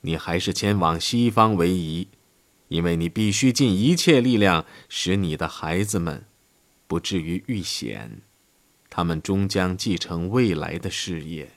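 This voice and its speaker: Low-voiced male narrator, lively pitch. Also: measured pace. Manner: steady reading with lively rises for quotes. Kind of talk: scripted audiobook narration.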